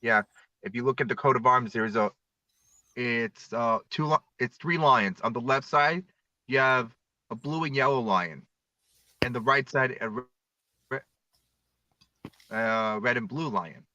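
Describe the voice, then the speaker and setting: A man's voice: mid-range voice, measured pace, long pauses, pushed and bright, dry recording. A man calling in to a talk show, rambling with many restarts while his call audio breaks up. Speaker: caller. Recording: dull lo-fi call line.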